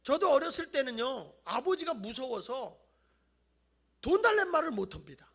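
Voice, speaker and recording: A middle-aged male pastor giving an animated Friday night sermon in a church, acting out whiny voices and shouting. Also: extremely high pitch, normal speed, slightly rough. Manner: animated, acts out voices of people he tells about, mock-whines and shouts. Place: church sanctuary.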